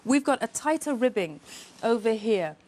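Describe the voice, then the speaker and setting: A woman pitches shapewear on a shopping channel in a fairly high voice. She is effusive and chatty, calling the viewers darling and girls. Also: big pitch swings, normal speed, darkish tone. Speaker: shapewear brand representative.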